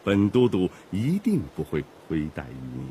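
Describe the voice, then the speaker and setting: An actor playing a pompous, evasive imperial governor in a radio play, haughty but stammering when caught out. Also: male voice, low voice, wildly swooping pitch, normal speed, mellow, a little hiss or hum.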